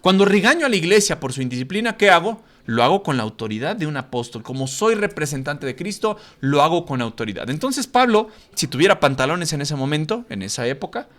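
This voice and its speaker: A man's voice: a little high, very animated, a little fast, few pauses, fairly bright tone. A man teaching a Bible class as a pastor, emphatic and scolding, full of rhetorical questions. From Mexico. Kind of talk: sermon-style Bible lesson.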